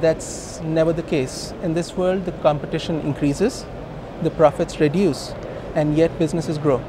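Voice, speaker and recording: A higher-pitched man with an Indian accent, a company co-founder, is interviewed conversationally at a busy hosting industry event. He keeps a steady tone at normal speed while loud, traffic-like noise fills the location.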